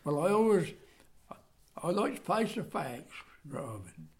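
An elderly man speaks in a broad Suffolk accent, his voice a little on the high side. He chats casually and haltingly, wandering through his recollections in homely rural dialect. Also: wildly swooping pitch. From Suffolk, England. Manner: rambling, halting, rustic dialect turns of phrase. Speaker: care home resident being interviewed. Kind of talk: casual reminiscing chat.

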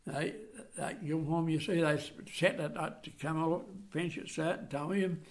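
An elderly man with a broad Suffolk accent, chatting casually in a halting, rambling way with rustic dialect turns of phrase. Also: on the high side, fairly even intonation. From Suffolk, England. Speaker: care home resident being interviewed. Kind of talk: casual reminiscing chat.

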